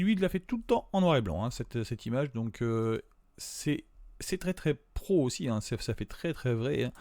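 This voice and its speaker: A man's voice: medium pitch, darkish tone, dry recording, clean studio sound. Chatty, hesitant French-speaking tutorial man. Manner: hesitant, many fillers and restarts; chatty, addresses viewers directly. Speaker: tutorial presenter. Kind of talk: casual screen-recorded tutorial.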